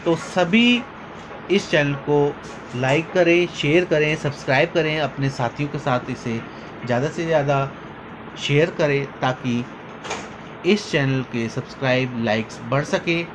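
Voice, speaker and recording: Slow, measured male grammar teacher. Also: fairly high pitch, background noise. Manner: addresses viewers as children, reads examples slowly. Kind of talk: slow spoken grammar lesson.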